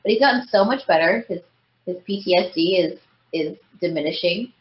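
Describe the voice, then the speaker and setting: Brisk and fairly low-pitched, the voice actress in her thirties chats casually as an interview guest. She often fills with "like" and "you know," and the recording has a roomy, slightly dull podcast quality.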